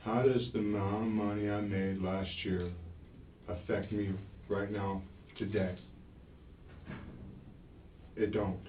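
A man rambling with halting restarts in a police interrogation. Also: on the low side, little pitch movement, slight background noise. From Florida. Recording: echoey, distant, phone-like interrogation room audio.

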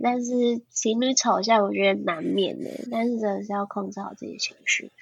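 台灣腔年輕女主持，聲音帶點沙啞，乾澀悶悶的錄音，閒聊風格，口頭禪多. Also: female voice, mid-range voice, slightly rough, no room sound. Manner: chatty, many fillers and restarts, laughs often. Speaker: podcast co-host. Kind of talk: casual podcast chat. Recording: dull, lo-fi podcast audio.

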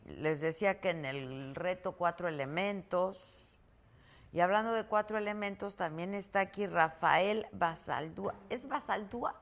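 Broadcasting live from a hotel on Mexico's Caribbean coast, this talk show host chats and teases, reads viewer greetings aloud, and drifts off into repetition. She has a lowish, gravelly voice.

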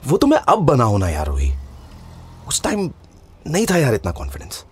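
A man playing a young male writer in an audio drama, talking in warm, hesitant, teasing banter. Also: mid-range voice, huge pitch swings, moderate pace, a little hiss or hum. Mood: wistful. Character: young male writer, nervous and fond of his friend. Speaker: lead character. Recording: studio voice with music underneath. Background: soft background music.

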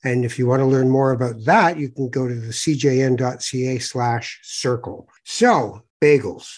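A podcast host from Toronto, Canada, conducts a conversational interview, chatty and prone to fillers and restarts. His voice is medium pitch at a moderate pace.

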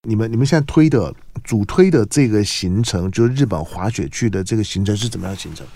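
A man's voice: lowish voice, lively intonation, fast, mellow. A man with a Taiwanese Mandarin accent hosting a casual morning radio show, often repeating and restarting his phrases. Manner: repeats and restarts phrases, punctuates with filler particles. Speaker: radio host.

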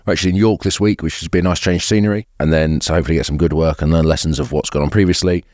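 A man's voice: very deep voice, fairly even intonation, racing, a little mellow, dry recording. A man co-hosting a rugby podcast in a studio, chatting in a laid-back way with dry banter. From England. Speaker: podcast co-host, rugby player. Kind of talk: casual chat.

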